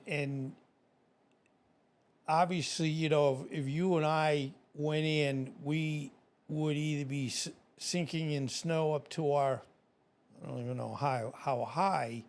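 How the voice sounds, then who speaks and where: A man's voice: fairly high pitch, gravelly, darkish tone. A man hosting a nature documentary style narration, reading facts and wandering off into folksy, casual asides of his own. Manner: folksy, digressive, often commenting on his own script. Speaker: narrator and host of an animal video.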